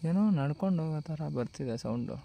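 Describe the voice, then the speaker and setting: A man's voice: a little high, animated, fast, creaky. Nervous man ghost hunting in a forest. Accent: Kannada. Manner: alternates hushed asides with loud shouted calls into the dark. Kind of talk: night ghost-hunting vlog. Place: forest at night, outdoors.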